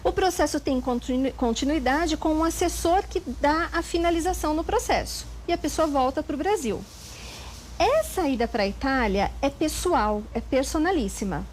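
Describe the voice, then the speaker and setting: A Brazilian woman lawyer calmly explaining legal procedures step by step as an interview guest. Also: high voice, normal speed, a little hiss or hum, rough recording. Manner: calm, methodical, precise explanations.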